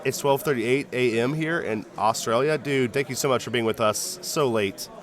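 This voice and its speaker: A man's voice: mid-range voice, moderate pace. A man hosting a live card game stream, chatty and jokey, greeting viewers and reading chat aloud between match commentary.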